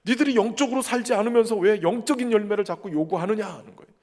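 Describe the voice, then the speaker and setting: A man's voice: sits high, fast, darkish tone, in a large hall. A man preaching a sermon as pastor, earnest and emphatic, who keeps addressing the congregation directly.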